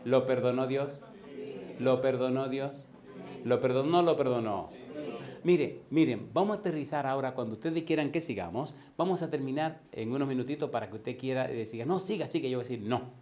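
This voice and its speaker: A man in his fifties preaching a sermon as a pastor, in a lively way that keeps putting questions to the congregation. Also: medium pitch, fairly quick.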